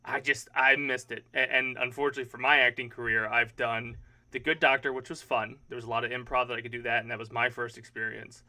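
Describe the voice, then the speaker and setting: Bright-voiced young podcast host. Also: male voice, mid-range voice, little pitch movement, quick pace. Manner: chatty, swears casually, trails off mid-question. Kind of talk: casual podcast chat.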